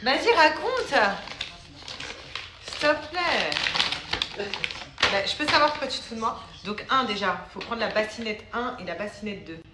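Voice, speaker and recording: A woman's voice: medium pitch, lively intonation, fairly quick. A woman vlogging casually at home, teasing and laughing with her family, easily exasperated. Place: indoors at home. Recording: echoey room with loud noise.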